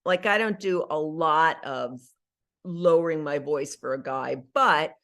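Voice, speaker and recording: With a deep voice and a slightly slow delivery, a middle-aged actress and audiobook narrator chats in a relaxed interview. She's lively, and her speech is packed with fillers and self-corrections.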